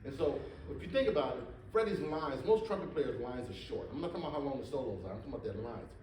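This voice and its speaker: A man giving a drum masterclass and telling stories, animated and repeating words for emphasis, recorded from far off in a conference hall. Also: mid-range voice, quick pace, slight background noise. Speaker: drum clinician. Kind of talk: masterclass talk with storytelling. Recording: echoey hall, mic far off.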